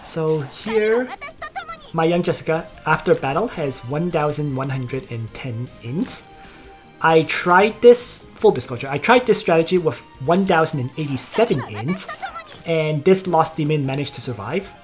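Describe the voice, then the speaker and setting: Faint game music plays as a woman posting game videos talks through each move step by step, explaining her strategy. Her low voice stays relaxed at a measured pace while her pitch stays lively.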